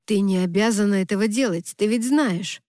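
A woman's voice: medium pitch, moderate pace, a little mellow, no room sound, studio quality, natural voice. Woman reading a tense young husband. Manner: tense, pleading. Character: young man, anxious and protective husband.

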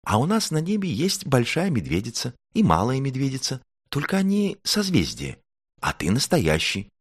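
A man's voice: on the low side, wildly swooping pitch, normal speed, slightly rough, no echo, clean studio sound, pitched above the performer's own voice, exaggerated voice. A man voicing a curious, brave little girl star in a storybook, eager and chirpy. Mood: excited. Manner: eager, chirpy, sometimes shouting. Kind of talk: storybook reading.

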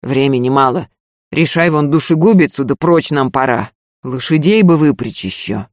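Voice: medium pitch, moderate pace, no echo, close to an everyday voice. A reader voicing an older male robber who gives curt, muffled orders. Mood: grim. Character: older male robber, dull-voiced and grim.

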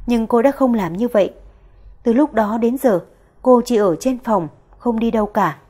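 Breathy-voiced woman story narrator. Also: fairly high pitch, moderate pace, mellow.

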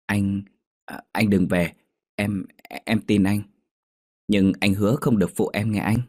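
A man's voice: on the low side, flat delivery, a little slow, no room sound, clean studio sound. A man reading a story, voicing a shy young woman in love who speaks hesitantly. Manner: hesitant, soft.

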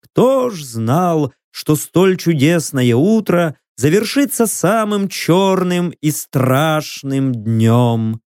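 A woman reading the words of a boastful male crusader chronicler, slow and grandiose. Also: low voice, very animated, a little mellow, no room sound, studio quality, heavily acted.

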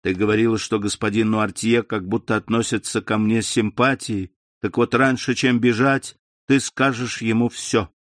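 A man's voice: on the low side, little pitch movement, moderate pace, no echo, studio quality, lightly acted. A man voicing a devoted young man in love in a storybook reading, earnest and heartfelt.

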